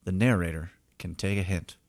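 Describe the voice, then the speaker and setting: A man narrating a scripted story as podcast host, in a wry, theatrical, deliberate manner. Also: sits low, gravelly, a little mellow, no echo, studio quality.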